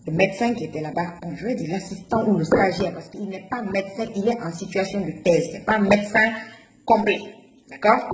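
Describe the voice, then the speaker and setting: A guest with a lowish voice tells an emotional first-person story about something she lived through, animated throughout and acting out other people's lines. The recording sounds roomy, with faint background noise.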